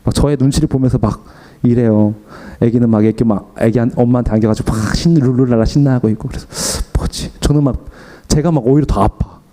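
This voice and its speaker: A man's voice: mid-range voice, fast. A young man preaching an afternoon sermon, telling a personal story and acting out what people said. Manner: animated, acts out his own and others' lines.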